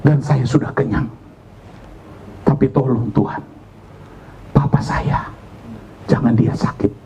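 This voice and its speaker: Preacher voicing a child praying earnestly. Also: male voice, medium pitch, moderate pace, a little hiss or hum, pitched below the performer's own voice, close to an everyday voice, low-quality recording. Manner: earnest, hushed. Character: young child praying for father.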